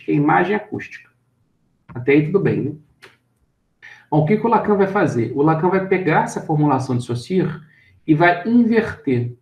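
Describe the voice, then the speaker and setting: A man's voice: high voice, darkish tone, roomy sound. A man with a Brazilian Portuguese accent giving an explanatory lecture. He thinks aloud and keeps checking that his listeners follow. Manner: thinks aloud, checks understanding with frequent tag questions.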